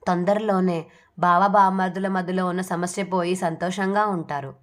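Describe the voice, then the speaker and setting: A woman reading the part of a kind elderly grandmother who gently soothes and coaxes her family. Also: fairly low pitch, fairly even intonation, normal speed, natural voice. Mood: soothing.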